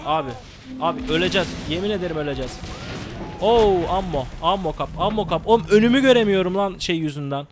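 Excitable swearing young man gaming. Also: high-pitched, fast. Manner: excitable, swearing, yelling at the game. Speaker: gameplay commentator. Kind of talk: live gameplay commentary. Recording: game music behind the voice. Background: game music and gunfire.

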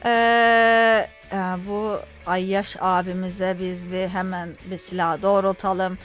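A woman's voice: fairly low pitch, level tone, measured pace, faint music behind. A woman gaming YouTuber giving casual, chatty let's-play commentary, teasing the game characters and complaining in mock exasperation.

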